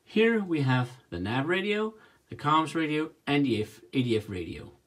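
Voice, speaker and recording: Brief: male hobbyist tutor, slightly husky tone, lively rise and fall, walks through the wiring step by step at a whiteboard. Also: on the high side. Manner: talks while drawing diagrams, counting wires aloud with pauses. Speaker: home cockpit builder explaining wiring. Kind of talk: casual hands-on tutorial. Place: indoors, workshop by a whiteboard.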